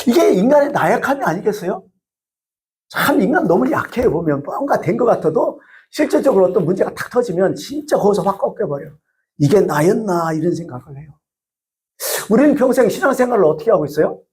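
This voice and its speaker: A male pastor preaching a sermon, telling stories and asking the congregation rhetorical questions. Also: high voice. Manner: lively storytelling with rhetorical questions.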